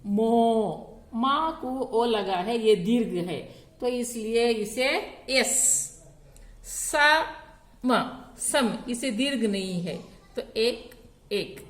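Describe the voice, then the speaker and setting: A woman's voice: fairly high pitch, slow, roomy sound. A woman teaching a grammar lesson on poetic meter, counting syllables aloud one at a time.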